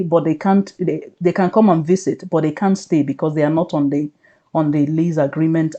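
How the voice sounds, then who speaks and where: Casual adviser, mellow and reassuring, explains step by step, slightly lo-fi recording. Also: medium pitch. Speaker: vlogger advising on living and studying in the UK. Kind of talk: casual explanatory advice to camera.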